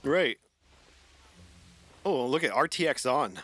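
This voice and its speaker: A man playing a game with a friend on a live stream, excitable and often exclaiming. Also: mid-range voice, slow pace. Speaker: co-player guest. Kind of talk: casual gaming chat. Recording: game music behind.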